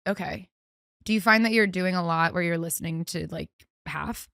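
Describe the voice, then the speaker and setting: A young adult woman co-hosting a podcast in casual chat, talking in a lively, chatty way and laughing often. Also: on the low side, moderate pace, creaky, no room sound, studio quality. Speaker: podcast co-host.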